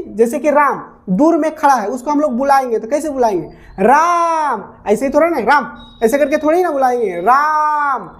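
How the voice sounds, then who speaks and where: A woman's voice: high voice, darkish tone. A woman teacher giving a grammar lesson at a whiteboard, repeating each definition and asking rhetorical questions that she answers herself.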